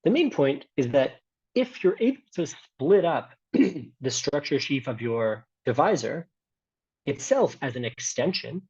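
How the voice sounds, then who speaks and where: A man's voice: medium pitch, a little mellow, husky, lo-fi sound. A man with an American accent giving an academic math seminar talk, hesitant, with many fillers and restarts. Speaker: seminar speaker.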